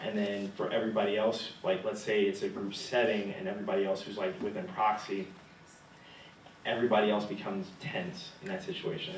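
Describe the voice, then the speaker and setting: A man's voice: low voice, echoey room. Young man, interview guest, joking storyteller, laughs often, distant mic, faint hiss. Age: young adult. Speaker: guest speaker, graduate student. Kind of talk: interview answers.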